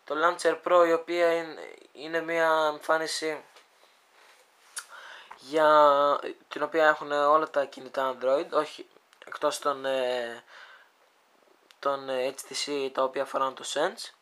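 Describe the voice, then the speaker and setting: A speaker with a smooth, clear voice walks viewers through a phone app at a middle pitch. The delivery is halting, full of pauses and restarts while thinking aloud, and addresses the audience like friends. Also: little pitch movement, fairly bright tone. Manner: hesitant, thinking aloud, many fillers. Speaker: video creator demonstrating a phone app. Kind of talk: casual screen demo walkthrough.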